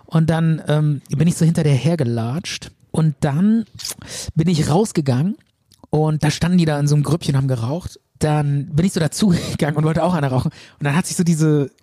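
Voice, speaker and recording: A man's voice: a little high, brisk, mellow, dry recording, clean studio sound. A man co-hosting a podcast, telling a dream in a rambling, hesitant way with many fillers. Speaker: podcast co-host. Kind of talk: casual chat, telling a dream.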